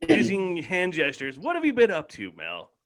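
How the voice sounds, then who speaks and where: Lively, animated man hosting a podcast. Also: high voice, normal speed. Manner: lively, laughing, teasing. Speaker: podcast host. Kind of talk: casual video-call podcast chat. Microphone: video call.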